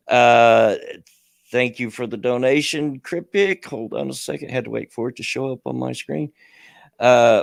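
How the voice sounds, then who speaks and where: A gravelly, medium-pitched voice belongs to a middle-aged man hosting a casual livestream with a Kentucky and Tennessee redneck accent. He rambles, laughing self-deprecatingly, and there's no room sound.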